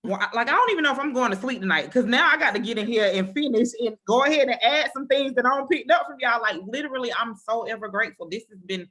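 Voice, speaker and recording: A bright-toned woman talks as a guest author on a live podcast. She is effusive and chatty, and her voice stays clear and lively. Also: on the high side, fast talker, few pauses. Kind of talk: casual podcast chat.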